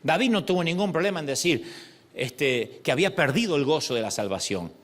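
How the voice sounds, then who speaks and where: Middle-aged male pastor, fairly high voice, lively sermon delivery. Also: fairly quick. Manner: expressive, acts out quoted prayers and voices.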